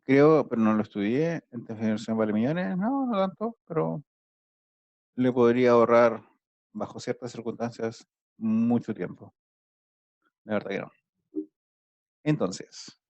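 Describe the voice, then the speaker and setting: A male teacher with a gravelly, creaky voice talks through a math lesson on a video call. He explains each step patiently, and the sound is close and dry with no room echo. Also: medium pitch, a little mellow. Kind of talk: online math class.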